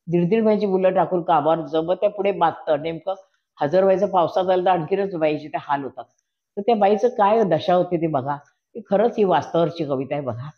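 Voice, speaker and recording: Older lady reciting her own poems, slow singsong lilt, kinda muffled lo-fi sound. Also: on the low side. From Maharashtra, India. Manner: slow, measured sing-song recitation. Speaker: poet. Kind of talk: poetry recital with anecdotes. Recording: dull lo-fi recording.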